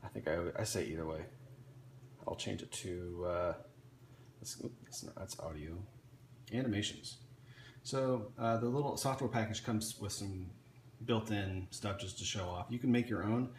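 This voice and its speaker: A man with a fairly low voice, speaking at a moderate pace, casually shows off an electronics kit he built. He rambles off the cuff with frequent restarts and fillers, recorded in an echoey room with faint ambient noise.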